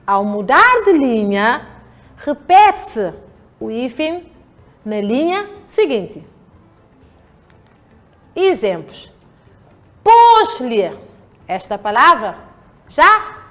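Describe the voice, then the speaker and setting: Woman, European Portuguese accent, schoolteacher, high voice, slow and patient, lively pitch. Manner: slow, patient, checks understanding with rhetorical questions. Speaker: primary school teacher. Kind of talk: lesson for children. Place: home.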